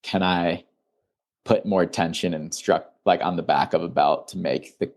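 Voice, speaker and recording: Young male founder from Illinois, deep-pitched, loose and chatty in conversation. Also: unhurried, vocal fry. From Illinois, USA. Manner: relaxed, rambling, many "like" fillers. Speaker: founder and guest. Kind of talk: casual interview.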